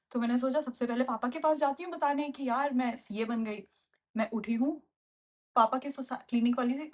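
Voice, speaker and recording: A woman in her twenties, a vlogger telling a personal story in an animated way, switching between Hindi and English. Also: sits high. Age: 20s.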